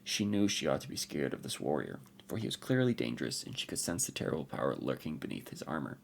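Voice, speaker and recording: A man, a podcast host, narrating a fantasy story in an expressive, unhurried way. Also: extremely low pitch, creaky, slight background noise.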